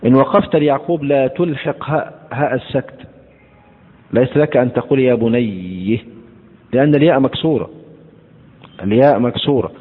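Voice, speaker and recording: A male teacher explaining recitation rules in a slow, deliberate lecture, repeating words to show how they are pronounced. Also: mid-range voice, breathy edge. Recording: tinny phone-like lecture recording in a hall.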